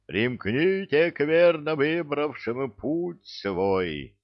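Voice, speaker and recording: A man doing a hulking fake preacher, slow and solemn. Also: sing-song, no room sound, muffled recording, exaggerated voice. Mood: booming denial. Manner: slow, solemn, booming sermon-like delivery. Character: huge muscular man posing as a pompous preacher.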